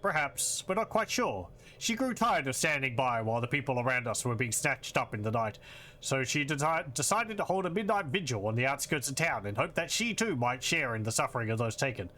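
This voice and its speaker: Over some noise, a man reads as a solemn villager in a fantasy game. The voice is bright and mid-pitched, telling things in a measured way. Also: big pitch swings. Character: solemn villager recounting mysterious disappearances.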